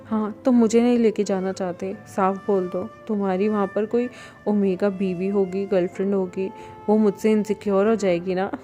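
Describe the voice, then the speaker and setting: A woman's voice: mid-range voice, fairly even intonation, moderate pace, warm tone, soft background music, natural voice. A woman voicing a clingy, jealous young man who pleads and sulks. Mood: pouty.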